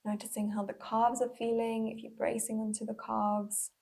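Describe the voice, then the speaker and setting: A woman guides a body scan in her role as a mindful movement instructor, speaking in a monotone with a slightly high, breathy, faintly husky voice. Her pace is gentle and unhurried, broken by pauses.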